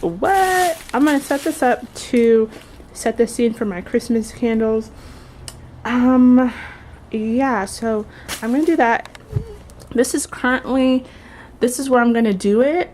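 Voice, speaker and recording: A woman's voice: fairly high pitch, darkish tone. A woman vlogger talking casually and informally as she explains what she is doing. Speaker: vlogger and candle maker. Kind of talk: casual vlog chat and tutorial. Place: indoors at home. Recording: faintly noisy home recording.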